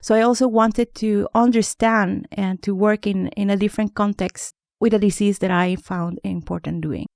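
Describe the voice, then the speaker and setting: Gravelly-voiced woman. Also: mid-range voice, steady tone, moderate pace, hardly any pauses, darkish tone, no echo, clean studio sound. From Honduras. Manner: careful, explanatory, with small restarts. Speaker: guest expert, microbiologist. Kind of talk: podcast interview.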